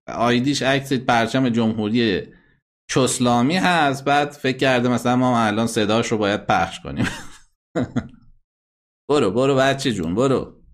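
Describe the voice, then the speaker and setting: A male broadcast host with a mid-range voice who runs a call-in show. He talks bluntly and combatively, scolding people and hurling insults at those who cross him. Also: mid-range voice. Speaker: host of a satellite call-in program. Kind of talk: live broadcast hosting, playing listener messages.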